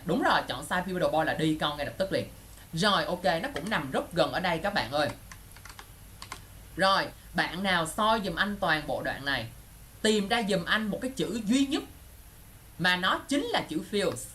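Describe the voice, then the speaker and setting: A man's voice: high-pitched, very animated, sharp tone, a little hiss or hum. A man teaching an English exam class, constantly checking that his students are following. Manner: keeps checking students follow with quick questions. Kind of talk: lively online class teaching.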